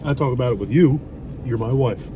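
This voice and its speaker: Picked up on a distant mic amid loud traffic and car noise, the recording sounds muffled. A middle-aged vlogger with a medium-pitched voice talks a little fast while chatting casually with his wife over a meal. He's blunt and opinionated and swears lightly.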